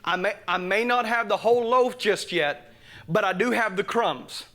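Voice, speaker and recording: Guy preaching in a church, high bright voice, jokes then gets loud. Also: moderate pace. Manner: fervent, joking, swings from loud preaching to quiet asides. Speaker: pastor. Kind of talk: sermon. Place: church sanctuary.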